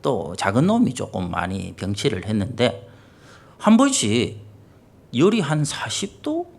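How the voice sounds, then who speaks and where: A man's voice: medium pitch, wildly swooping pitch, unhurried, creaky. A middle-aged man, a senior pastor preaching an early-morning sermon with vivid storytelling and rhetorical questions.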